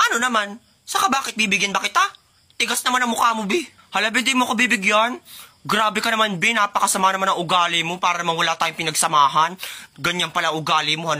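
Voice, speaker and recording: A man's voice: high-pitched, bright, forceful tone. A Filipino man acting out playful comedy skits, teasing and switching between many characters. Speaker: comedy sketch creator. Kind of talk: one-man comedy skits playing all roles.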